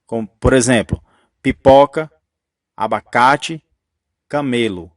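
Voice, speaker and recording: A man's voice: mid-range voice, takes it slowly, no echo, clean studio sound. A man teaching a grammar lesson in a patient, methodical way, restating each rule and checking in with the listener. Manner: patient, methodical, repeats key rules.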